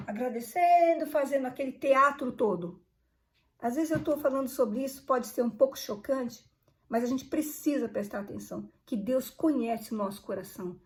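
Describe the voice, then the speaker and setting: A woman's voice: fairly high pitch, darkish tone. A woman teaching a Bible study, earnest and conversational, repeating phrases for emphasis.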